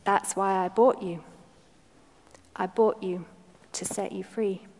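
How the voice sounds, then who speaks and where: A woman voicing a young male miner who speaks softly and pleads gently. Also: medium pitch, steady tone, slow pace, long reverb tail. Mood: pleading. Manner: soft and pleading.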